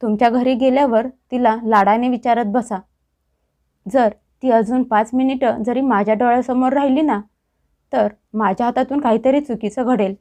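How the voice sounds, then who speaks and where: A woman voicing an angry, domineering middle-aged mother-in-law who scolds and shouts in a storybook tale. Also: a little high, fairly even intonation, normal speed, lightly acted. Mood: scolding.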